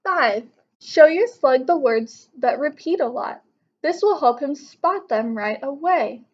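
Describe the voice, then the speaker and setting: On a home living room couch, a teacher in her thirties reads a picture book to young pupils and explains it in an instructive way. She speaks slowly in a high, expressive voice, and the sound is lo-fi.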